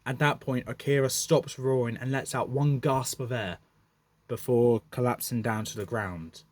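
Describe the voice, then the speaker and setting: A man's voice: medium pitch, steady tone, normal speed. A man narrating a monster battle story off the cuff, hesitant, with many fillers and self-corrections.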